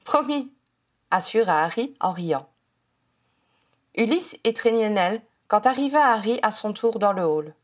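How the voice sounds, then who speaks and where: A woman narrating fan fiction in an even, measured reading voice. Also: medium pitch. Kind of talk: audiobook narration.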